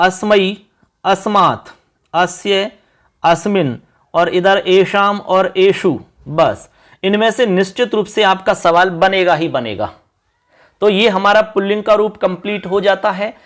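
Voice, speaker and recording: A male teacher leads an exam-prep lesson, reciting word forms in a slow sing-song chant. His voice sits high and his pace is unhurried. He stops between forms to explain how to remember each one.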